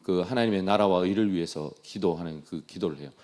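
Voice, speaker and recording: Sitting low and a little mellow, this man's voice moves slightly fast. A missionary from Daegu, South Korea, with a Gyeongsang accent, he shares an earnest, self-deprecating sermon testimony, frequently repeating himself.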